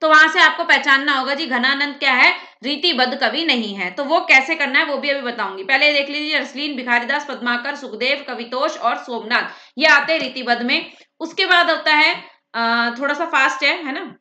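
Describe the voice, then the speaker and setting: A woman teacher rattles through an exam-prep lecture at speed, often checking in with "theek hai". Her voice sits high and sounds bright and sharp. The room gives it a noticeable echo. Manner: fast-talking, brisk.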